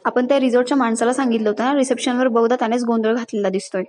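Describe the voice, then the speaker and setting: A woman's voice: on the high side, fairly even intonation, racing, darkish tone, a little hiss or hum, natural voice. Brief: female reader voicing an eager romantic young husband, light and plain.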